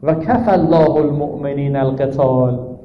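A man's voice: fairly high pitch, steady tone, slight background noise. A man giving a sermon, asking his listeners rhetorical questions, stressing his points, and reciting Arabic verses. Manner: rhetorical questions, emphatic teaching tone. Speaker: preacher. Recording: dull, echoey hall recording.

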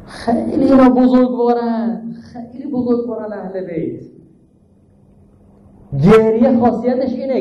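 High-voiced man preaching in an echoey hall. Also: slight background noise. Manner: rhetorical questions, emphatic teaching tone; recites Arabic verses. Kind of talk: sermon. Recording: dull, echoey hall recording.

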